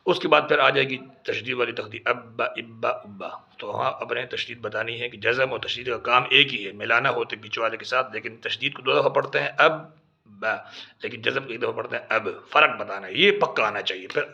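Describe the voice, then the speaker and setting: A man's voice: medium pitch, gravelly, bright, forceful tone. A man teaching other teachers how to instruct children in Quran reading, patiently spelling out drill syllables one by one. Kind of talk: instructional talk. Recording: dull lo-fi recording.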